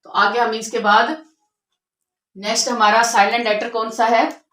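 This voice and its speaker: A woman's voice: fairly high pitch, flat delivery, measured pace, a bit bright. A woman teaching a spoken English lesson, patiently explaining rules and repeating each word twice. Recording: echoey room.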